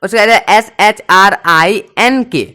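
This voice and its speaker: Smooth-voiced man drilling pronunciation sounds. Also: sits high, pushed and bright. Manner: repeats sounds slowly, drilling and stressing each syllable; asks and answers his own questions. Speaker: teacher. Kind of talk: spoken English pronunciation lesson.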